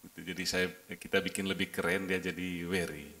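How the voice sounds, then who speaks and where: A young man from Indonesia speaking on a panel, sharing his experiences in a relaxed, chatty way with many fillers. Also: deep voice, fairly quick. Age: young adult. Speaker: company director.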